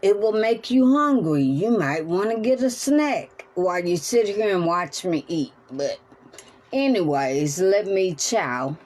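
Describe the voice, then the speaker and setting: Slow-talking woman vlogger. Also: mid-range voice, animated, a little mellow. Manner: slow, preachy advice with religious asides. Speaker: mukbang vlogger. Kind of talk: casual talk to camera while eating. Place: her room at home.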